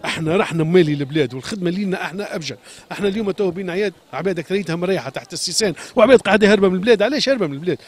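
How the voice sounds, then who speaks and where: Very fast and high-pitched, with lively intonation, a man speaks in a street interview: a shoemaker from Sfax with a Tunisian Arabic accent, pouring out an agitated, impassioned complaint while repeating his questions and pleading.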